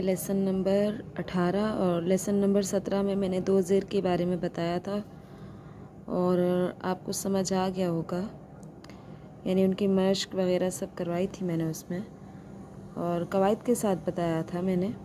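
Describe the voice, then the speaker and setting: A woman teaching Quran reading, patiently spelling out each sound and repeating it slowly. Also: medium pitch, flat delivery, noisy background. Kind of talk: slow recitation lesson.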